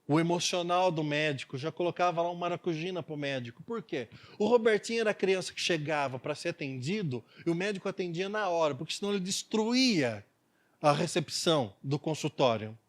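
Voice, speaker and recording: A man with a Brazilian Portuguese accent, a pastor telling a story in a sermon at church. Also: a little high. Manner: animated storyteller.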